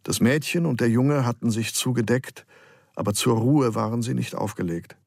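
A man narrating a novel in a calm, measured storytelling manner. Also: mid-range voice, vocal fry, no room sound, clean studio sound. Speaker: audiobook narrator. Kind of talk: scripted narration.

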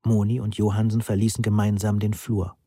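A man reading a German audiobook in first person, with a measured, wry delivery. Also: lowish voice, little pitch movement, dark tone, husky, dry recording, clean studio sound. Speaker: audiobook narrator.

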